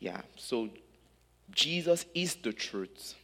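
A man from Nigeria preaching a sermon in English in short phrases, pausing so an interpreter can translate. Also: mid-range voice, big pitch swings, gravelly, bright, forceful tone. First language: not German.

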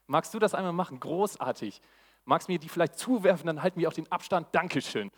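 A man preaches a live sermon to a church congregation, sounding eager, enthusiastic and full of exclamations. His voice is a little high and breathy at the edges, and he talks fairly quickly. A handheld mic picks him up in a space with long hall reverb.

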